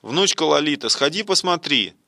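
A man's voice: fairly high pitch, animated, normal speed, creaky, sharp tone, no room sound, studio quality, pitched above the performer's own voice, exaggerated voice. A man voicing a doting elderly grandmother in a devotional play, eager and fond. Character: fussing old grandmother Mukara.

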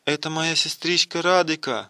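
A man's voice: medium pitch, moderate pace, sharp tone, dry recording, natural voice. A man voicing a humble, remorseful young woman in a devotional play, speaking tenderly and pleadingly.

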